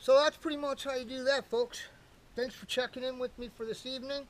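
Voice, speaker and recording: Older man, folksy camping vlogger, high-pitched voice, outdoor campsite, camera mic a few meters off. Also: fairly even intonation, a little fast, poor audio. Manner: folksy, chatty, addresses viewers as folks. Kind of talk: casual outdoor talk to camera. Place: outdoors at a lakeside campsite fire pit. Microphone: camera-mounted mic from a few meters away.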